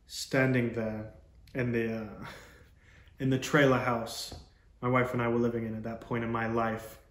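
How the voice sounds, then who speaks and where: Brief: male veteran, mid-pitched, halting and reflective, echoey room sound. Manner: reflective, halting, frequent "you know". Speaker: military veteran interviewee. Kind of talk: personal testimony interview. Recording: roomy echo.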